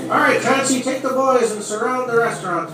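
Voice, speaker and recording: A man's voice: extremely high pitch, brisk. A man putting on an Irish accent as a police officer ordering his men about in a comic detective audio drama. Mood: commanding. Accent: put-on Irish. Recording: very echoey, distant mic, music behind.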